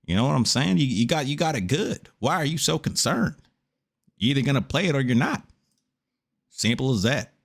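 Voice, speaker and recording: A worn-out man reacting on stream in a loose, casual way. He lectures with exasperation and keeps saying "brother" at the screen. His voice sits at an ordinary middle pitch for a man. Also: sing-song, brisk, vocal fry, husky. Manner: exasperated, preachy, says "brother" a lot. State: tired after a long stream.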